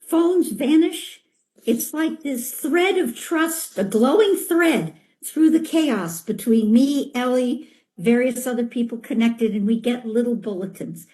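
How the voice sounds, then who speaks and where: An older woman with a mellow, warm voice leads a video meeting over a call. She speaks earnestly and with passion, slowing down on the words that matter. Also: a little high, expressive. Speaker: meeting organizer.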